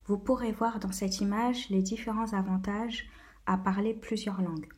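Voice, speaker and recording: A woman's voice: mid-range voice, steady tone, moderate pace, a little mellow. A woman hosting a casual explainer video, talking with many hesitations and filler sounds. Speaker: video host.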